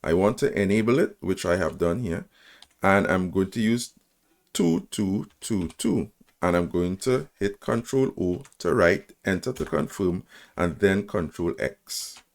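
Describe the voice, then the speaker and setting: A man presenting a screen-recorded coding tutorial, talking through each command step by step, spelling them out and checking in with "right?" as he goes. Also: sits low. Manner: frequent "right?" checks and small self-corrections.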